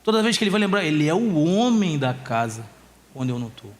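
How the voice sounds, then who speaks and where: A male pastor giving an impassioned sermon at a church conference, slowing down to stress key phrases and telling stories about his family. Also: on the high side, very animated. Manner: storytelling with family anecdotes.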